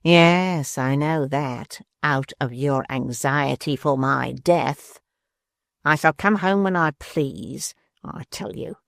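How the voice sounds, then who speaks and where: A gravelly, slow-spoken dwarf who sneers and threatens with spiteful glee, as a male reader puts him on. The voice drops low and crackles with fry in a dry, close recording. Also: a bit bright, dry recording, full character voice. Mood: mocking. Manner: sneering and menacing. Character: spiteful scheming male dwarf, bullying and gleeful. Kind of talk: audiobook character voice.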